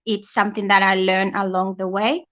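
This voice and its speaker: A woman's voice: medium pitch, level tone, moderate pace, fairly bright tone. Brief: woman from Tanzania, guest, chatty and plain-spoken, slightly muffled remote line. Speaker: guest, healthcare assistant. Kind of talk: casual interview.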